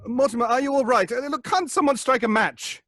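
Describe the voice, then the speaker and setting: In an old-fashioned radio horror drama, an actor plays an earnest, hesitant gentleman who leads a séance and admonishes the others. His voice is very high and fairly quick, with an urgent mood.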